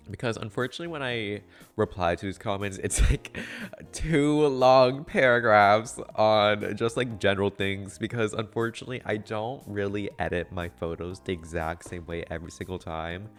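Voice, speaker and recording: Young guy, really low voice, stuffy nose so kinda nasal, bit monotone, chill tutorial voiceover w quiet music behind. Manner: a little monotone, with frequent fillers. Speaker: game tutorial creator.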